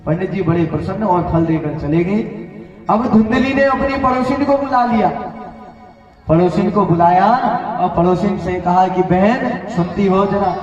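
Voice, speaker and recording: A woman storyteller narrating a devotional scripture story in a lively, dramatic way and speaking to her devotees. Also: lowish voice, normal speed. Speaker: religious storyteller. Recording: echoey hall from far off, dull sound, music behind.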